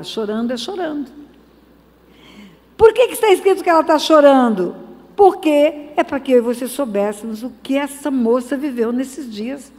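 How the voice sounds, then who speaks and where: High-voiced woman pastor preaching in a hall. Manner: emphatic preaching, swings from hushed to shouting. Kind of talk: sermon. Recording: long hall reverb.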